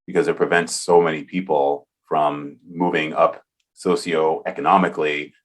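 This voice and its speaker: A man in his forties hosts a podcast interview in an earnest, enthusiastic way, thinking out loud as he goes. His voice sits very low. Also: level tone, normal speed. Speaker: podcast host. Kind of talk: casual interview conversation.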